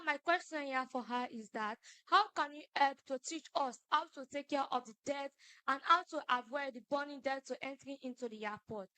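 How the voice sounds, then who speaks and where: A woman asking careful, deliberate questions at a press conference. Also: sits high, sharp tone, dry recording. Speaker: audience member asking questions.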